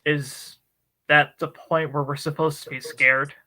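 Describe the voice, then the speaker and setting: Male co-host, casual book chat, bright edge, animated filler-heavy delivery. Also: on the high side, unhurried, low-quality recording. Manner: animated, chatty retelling with many fillers. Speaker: book club podcast co-host.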